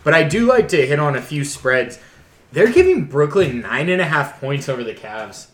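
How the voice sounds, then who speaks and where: A man's voice: a little high, sing-song, normal speed. Opinionated man in an echoey room. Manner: opinionated, talks about betting spreads. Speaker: podcast co-host. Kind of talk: casual sports betting chat.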